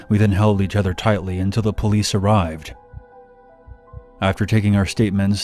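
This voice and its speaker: A man narrating a horror story in steady first person, scripted. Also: deep voice. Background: faint music.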